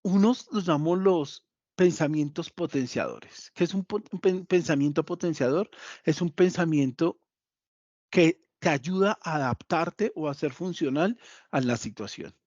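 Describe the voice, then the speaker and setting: A man's voice: on the high side, measured pace, darkish tone, dry recording, muffled recording. A man giving a motivational psychology lesson, repeating key points and speaking directly to his listeners.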